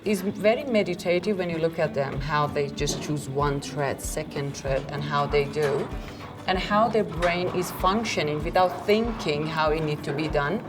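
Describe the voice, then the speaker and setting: A woman speaking thoughtfully and a little haltingly in a documentary interview, recorded from a distant mic under music. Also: sits low.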